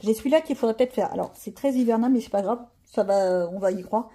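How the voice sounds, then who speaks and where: Chatty woman with a husky voice. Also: on the high side, quick pace, warm tone. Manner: chatty, thinks aloud, self-mocking. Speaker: coloring vlogger. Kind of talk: casual chat while coloring.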